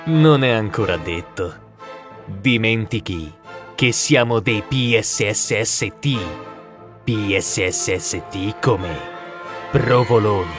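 A man voicing a terse, gruff male secret-agent mouse in an audiobook. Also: fairly low pitch, animated, slow, over music, pitched below the performer's own voice. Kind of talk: audiobook character voice.

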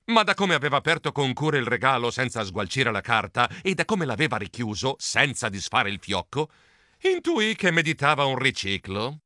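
A man reading a children's storybook aloud in a playful, animated way. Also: mid-range voice, normal speed, dry recording, clean studio sound. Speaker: audiobook narrator.

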